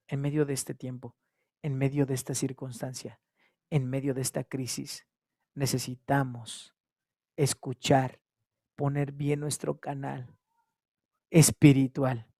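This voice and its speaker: Mexican pastor preaching in swelling waves. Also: male voice, medium pitch, vocal fry, no room sound, studio quality. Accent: Mexican Spanish. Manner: repetitive, swings between loud exhortation and hushed tones. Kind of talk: sermon. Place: church service.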